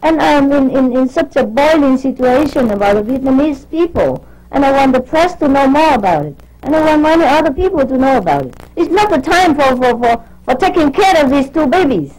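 A woman's voice: high voice, animated, normal speed, few pauses, darkish tone, low-quality recording. A woman spiritual teacher giving an informal sermon to her disciples. She scolds, repeats words while searching for them, and keeps asking rhetorical questions.

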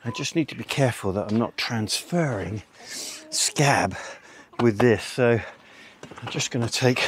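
Filmed by a camera mic on a tripod some distance away, an older allotment gardener talks casually through his work step by step in a gardening vlog. His mid-range voice runs a little slow, and there's some hiss or hum.

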